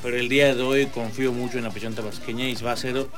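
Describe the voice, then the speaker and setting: A man's voice: mid-range voice, flat delivery, fast talker. A Mexican man commenting on baseball on a sports radio show from a booth, in a confident, analytical way.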